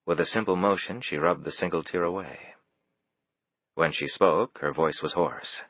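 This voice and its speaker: Low, husky male narrator, measured scripted reading, dry and muffled recording. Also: dry recording. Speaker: audiobook narrator. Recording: dull, dry, lo-fi.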